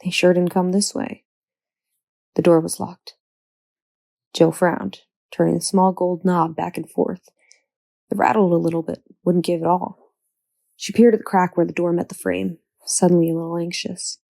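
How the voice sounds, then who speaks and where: Gravelly woman reading a horror thriller. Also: lowish voice, level tone, moderate pace, long pauses, dark tone, rough recording. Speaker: audiobook narrator. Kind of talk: scripted narration.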